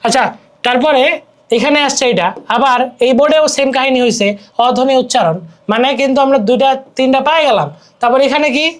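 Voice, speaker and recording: A man's voice: very high voice, fast talker. A young man with a Bangladeshi Bengali accent teaching an exam-prep grammar lesson, explaining step by step and repeating words while asking checking questions. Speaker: tutor.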